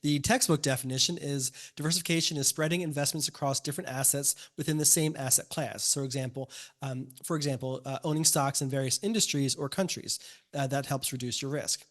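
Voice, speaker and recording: A man's voice: mid-range voice, fairly even intonation, brisk. A middle-aged man co-hosting a podcast, chatting casually, joking and laughing at his own quips. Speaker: podcast co-host. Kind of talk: casual chat.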